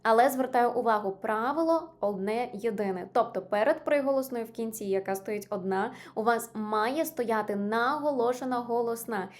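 A woman's voice: on the high side, normal speed, hardly any pauses. A woman teaching an online English lesson, patiently explaining spelling rules and stressing each example word.

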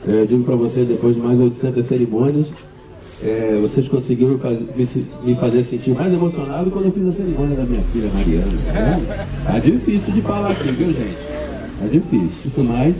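A man's voice: medium pitch, brisk. A man in his sixties with a Brazilian Portuguese accent, officiating a wedding in an informal, teasing way. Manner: playful, teasing. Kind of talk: informal, jokey ceremony officiating. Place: outdoor night wedding with guests. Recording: echoey distant recording with crowd.

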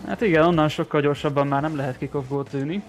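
A man's voice: a little high, slight background noise. A man co-commentating a video game match live, adding analysis of the plays. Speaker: esports co-commentator.

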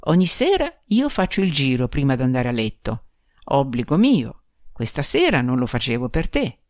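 A woman voicing a timid, saddened middle-aged bridegroom who speaks gently and low. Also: sing-song, normal speed, no echo, clean studio sound. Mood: subdued. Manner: timid, gentle, then gloomy.

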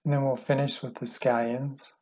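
A middle-aged man calmly walking through a cooking demonstration in a home kitchen, relaxed and plain-spoken. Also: mid-range voice, normal speed. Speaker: cooking instructor. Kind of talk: calm step-by-step cooking demonstration.

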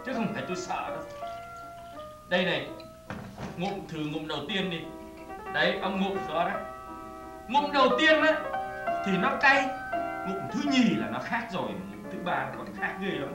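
A man's voice: sits high, very animated, normal speed, long pauses, roomy sound, recorded from a distance, music in the background. A man acting in a stage comedy sketch, boastful and coaxing as he pushes his friend to be brave.

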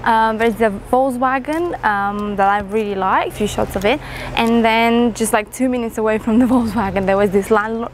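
A woman's voice: on the high side, moderate pace. A young woman in her twenties chatting casually to camera on a walk outdoors, full of fillers and small laughs, on a lapel mic. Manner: chatty, hesitant, many fillers and little laughs. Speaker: photography vlogger. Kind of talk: casual vlog walk-and-talk. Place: outdoors on a city street. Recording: street noise in the background.

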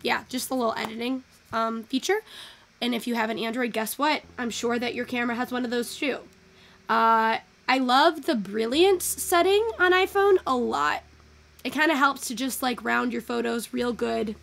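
A young woman chatting casually through a photo-editing tutorial, thinking out loud and swearing now and then. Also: on the high side, normal speed, creaky. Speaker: virtual photography streamer.

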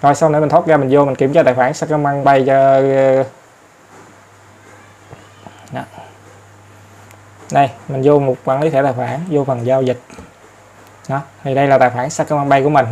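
A man giving a casual step-by-step phone tutorial, chatty and full of fillers, speaking straight to his viewers. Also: mid-range voice. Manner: chatty, repeats filler words, addresses viewers often. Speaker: tutorial host. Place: in front of an ATM for part.

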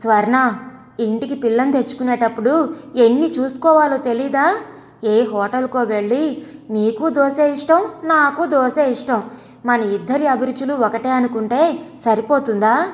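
A woman's voice: fairly high pitch, big-room sound, natural voice. A woman voicing a bossy, talkative middle-aged sister-in-law in an audio storybook, pushing and nagging. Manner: pushy, nagging persuasion.

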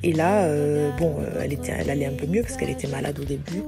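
A French singer-songwriter in her forties talks casually over clips of her music, rambling loosely with many hesitations. Her voice is deep, fast and gravelly, with music playing beneath it.

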